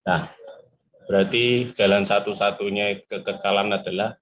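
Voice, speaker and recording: A man's voice: on the low side, fairly even intonation, moderate pace, fairly bright tone, low-quality recording. A man politely asking a pastor about two Bible verses, reading the passages aloud and asking for explanation. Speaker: questioner.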